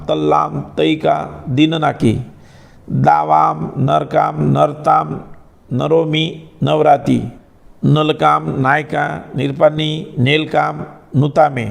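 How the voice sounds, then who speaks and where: A man recites a long list of names one after another in a slow, steady rhythm. His voice sits a little high, but it stays flat and even with almost no rise or fall. A heavy gravelly fry runs through every word.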